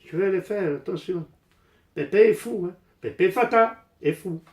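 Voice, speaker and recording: His voice sits high and moves at a moderate pace. The older Italian man, an amateur DIY vlogger, rambles bluntly in Italian-accented French during repairs, repeating himself for emphasis, recorded with a roomy echo.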